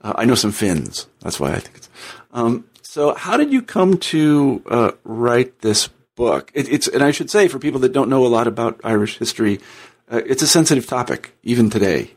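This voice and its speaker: Male American podcast host, mid-pitched, conversational, halting phrasing with repeated words. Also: sing-song, husky. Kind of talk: conversational interview hosting.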